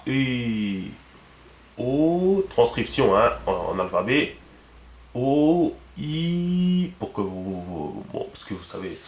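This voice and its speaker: Man teaching in an echoey room. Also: mid-range voice. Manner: patient, checks often with the viewer. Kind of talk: instructional video lesson.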